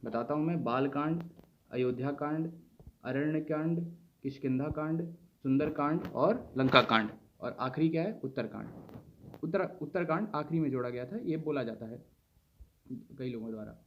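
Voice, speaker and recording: A man's voice: fairly high pitch, moderate pace, dull audio, slight background noise. A man teaching an online exam-prep lesson, asking questions aloud and then answering them himself.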